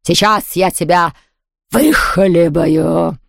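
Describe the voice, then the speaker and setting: A woman voicing a huge, cruel female ghost baroness who hisses her words slowly and menacingly. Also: lowish voice, vocal fry, no room sound, clean studio sound, heavily acted. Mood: gloating. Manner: hissing, slow and drawn out.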